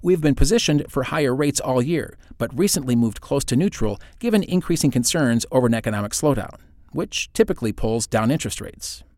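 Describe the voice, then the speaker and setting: A male podcast host reads prepared financial narration. His pitch sits in the middle range, and the sound is dry, without room reflections. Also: animated, fairly quick, darkish tone, dry recording.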